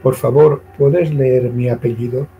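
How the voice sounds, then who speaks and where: A man being interviewed as a guest writer, talking in a halting way, full of restarts. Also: mid-range voice, steady tone, phone-quality sound, faint music behind. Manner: halting, with many fillers and restarts. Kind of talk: casual interview chat.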